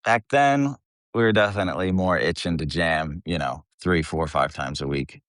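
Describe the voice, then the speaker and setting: Low-voiced and fairly bright, he talks at a moderate pace in a clean studio recording with no room sound. He's an American metal band singer from eastern Pennsylvania, guesting on an interview and spinning anecdotes in a blunt, profane, slangy, informal way.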